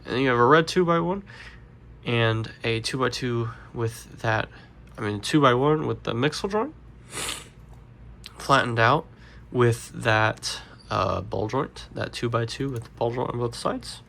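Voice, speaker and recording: A congested man walking through a Lego build step by step, relaxed and rambling with fillers. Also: mid-range voice, a little slow, creaky, slight background noise. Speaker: Lego builder, channel host. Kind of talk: casual build tutorial.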